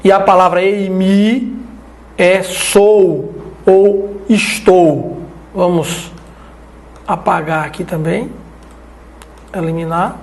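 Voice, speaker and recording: Brazilian guy doing an online greek lesson, slow, keeps saying né and ó. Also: high voice, steady tone. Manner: slow explanatory, checking in with "né?" and "ó". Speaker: teacher.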